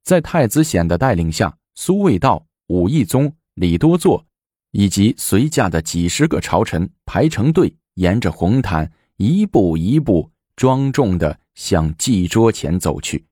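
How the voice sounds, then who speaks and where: A man tells a historical story in an animated, dramatic way. His voice sits low and sounds dry and close to the mic. He leans into the tense moments. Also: unhurried, husky, no echo.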